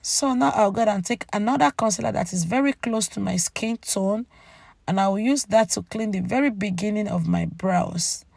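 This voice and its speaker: Woman with a cracking, creaky, cold-struck voice. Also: mid-range voice, moderate pace, a little mellow, dry recording, clean studio sound. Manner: chatty, addresses viewers directly with tag "okay?". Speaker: beauty channel host. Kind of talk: makeup tutorial voice-over, casual narration.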